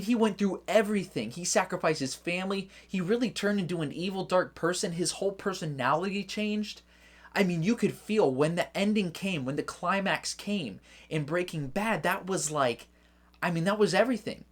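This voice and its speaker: A movie reviewer talking in a casual, rambling way, full of filler words and jokey asides. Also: mid-range voice.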